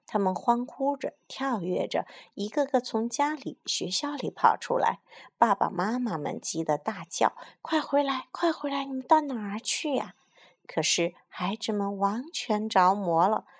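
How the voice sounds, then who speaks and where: Slow-paced woman reading a picture book. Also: mid-range voice. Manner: lively asides to young listeners. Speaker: storyteller.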